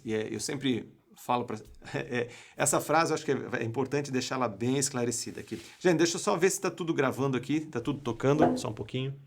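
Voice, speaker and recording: A young Brazilian man, an English teacher and coach, giving a live online class in an emphatic way and often asking his viewers rhetorical questions. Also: medium pitch.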